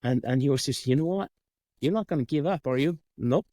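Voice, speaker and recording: An Icelandic-accented man tells his story as an interview guest, slipping into other people's voices for the dialogue. His voice sits fairly high and sounds dry and close to the mic. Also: brisk, dry recording. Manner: animated storyteller acting out dialogue. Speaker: guest, coach and sales trainer.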